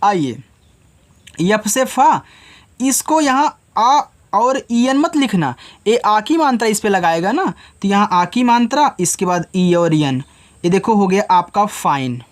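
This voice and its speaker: A man with a Hindi accent leads a children's English phonics lesson. He spells words out letter by letter at a slow, careful pace. He asks a question and then answers it himself, again and again. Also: sits high, expressive.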